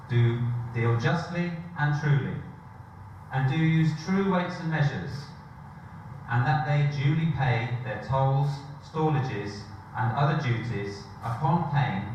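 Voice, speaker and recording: A man's voice: mid-range voice, slow, a little hiss or hum. A man reading a formal proclamation in a town crier's stately, declamatory manner, heard from far off in an echoey room. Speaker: official reading the Mayor's proclamation. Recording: echoey hall from far off, dull.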